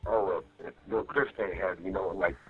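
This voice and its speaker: Speaking fairly quickly in a low voice with fairly even intonation, a man in jail calls his partner to vent casually, swearing as he goes. He rambles and keeps repeating "you know what I mean" to check he's understood; the phone line is muffled, with faint music behind.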